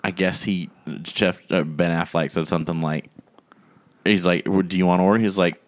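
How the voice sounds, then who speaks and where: A deep-voiced man hosting a podcast talks at normal speed as he tells a long, casual anecdote. Animated throughout, he acts out the voices of the people he quotes.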